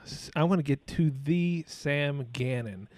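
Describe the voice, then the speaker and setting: A man's voice: on the high side, a little slow, a little mellow, dry recording. Rambling male podcast host. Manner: rambling, stammers and repeats words. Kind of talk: casual interview chat.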